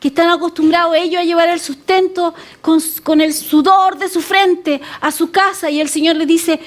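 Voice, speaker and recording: A woman's voice: extremely high pitch, steady tone, moderate pace. A woman pastor, preaching a sermon in an earnest way and repeating words for emphasis. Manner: acts out prayers in a pleading voice.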